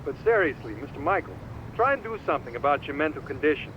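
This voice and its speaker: A man's voice: fairly high pitch, very animated, fast talker, lo-fi sound, a little hiss or hum. A man voicing a pragmatic, encouraging lawyer in a video game, matter-of-fact and cajoling. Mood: frank, cajoling.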